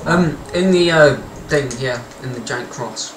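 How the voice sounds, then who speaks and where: A man's voice: medium pitch, measured pace. A young man chatting while playing a game, hesitant with many ums and casual swearing. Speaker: gaming co-player. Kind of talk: casual gameplay chat. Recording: echoey, far from mic, noisy.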